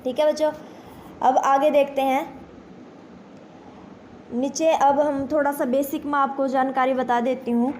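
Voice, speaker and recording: High-voiced woman teaching grammar. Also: little pitch movement, a little slow, long pauses, darkish tone, slight background noise. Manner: explains step by step, asks questions and answers them herself; addresses pupils as children, repeats "ठीक है". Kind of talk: Hindi grammar lesson for exam students.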